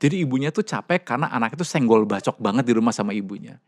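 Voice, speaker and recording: A man's voice: mid-range voice, racing, dry recording, clean studio sound. A man, a psychologist guest, telling client stories in casual conversation and animatedly acting out the voices of the people in them. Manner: animated, acts out quoted voices.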